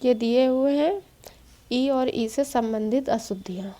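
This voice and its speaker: A woman teaching an exam-prep Hindi spelling lesson, going through quiz questions one by one in a steady explaining tone. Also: a little high, a little slow. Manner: steady explaining tone, mixes English quiz terms.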